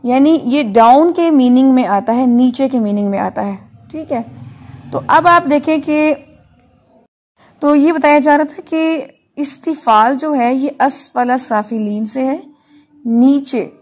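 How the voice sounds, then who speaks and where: A woman teaching an online Quran recitation class, slowly drilling letter sounds and checking in often with her students. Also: high-pitched, darkish tone. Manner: slow, patient, drills letters aloud with frequent check-ins. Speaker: Tajweed teacher.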